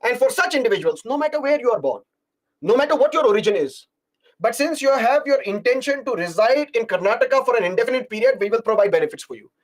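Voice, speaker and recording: A man's voice: very high voice, animated, quick pace. A man giving an exam-prep polity lecture, explaining through repeated examples and questions to the class. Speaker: polity teacher.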